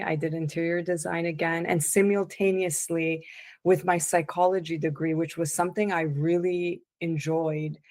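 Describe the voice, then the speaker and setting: A woman coach telling her life story as a podcast guest, in a relaxed, conversational way with frequent restarts. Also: deep voice, creaky. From born in the United States, raised in Italy and Canada. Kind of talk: casual interview chat.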